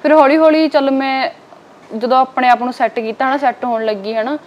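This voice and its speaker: A young woman from Punjab, India, appears as a guest in a casual interview, speaking quickly, frankly and plainly with lots of small filler tags. Her voice is high and steady. The recording is muffled.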